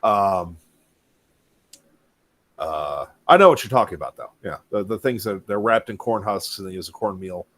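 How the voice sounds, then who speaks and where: A man's voice: lowish voice, expressive, normal speed, long pauses, fairly bright tone. A man hosting a casual chat, telling rambling stories and swearing freely. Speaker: host.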